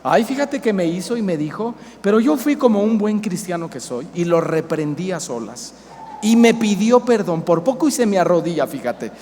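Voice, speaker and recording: A man's voice: sits high, sing-song, normal speed, a little mellow, big-room sound. A male preacher voicing a boastful gossiping churchwoman, in a plain chatty tone. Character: gossiping churchgoing woman bragging.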